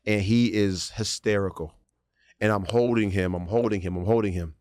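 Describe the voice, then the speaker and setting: A podcast co-host with a lowish voice and moderate pace spins a story in easygoing conversation, recorded at studio quality with no echo. As an animated storyteller, he acts out both the quotes and the sound effects.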